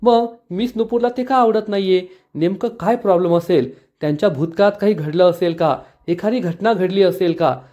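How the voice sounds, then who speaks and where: A man's voice: high voice, moderate pace, hardly any pauses, warm tone, highs cut off, lightly acted. A man voicing a young man from a TV drama, musing and questioning to himself. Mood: wondering. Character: puzzled young man wondering about a woman.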